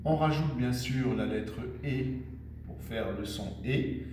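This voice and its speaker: Guy teacher doing a dictation for little kids, slow and lively, sounds far off in an echoey room w faint hiss. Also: medium pitch. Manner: animated storytelling tone, personifying letters; slow, syllable by syllable. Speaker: primary school teacher. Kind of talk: online dictation lesson for children.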